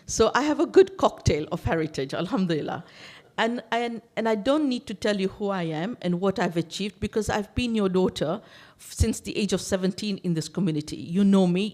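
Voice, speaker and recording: A woman's voice: mid-range voice, a little mellow. Emphatic woman giving a campaign speech. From Tanzania. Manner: emphatic, piles up lists and repeats words when stressing a point. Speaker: election candidate. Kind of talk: campaign speech to a seniors' gathering. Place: community main hall.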